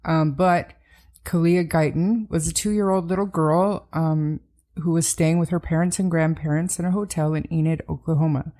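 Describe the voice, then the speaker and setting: Female podcast host, low warm voice, casual and hesitant. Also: fairly even intonation, normal speed. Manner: hesitant, many ums and restarts.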